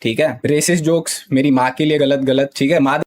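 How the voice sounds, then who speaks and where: A man's voice: medium pitch, fairly even intonation, a little fast, a little mellow. A young man streaming, explaining himself defensively in an agitated way, his voice climbing when he gets heated. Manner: agitated, repeats "theek hai" often, voice rises when heated.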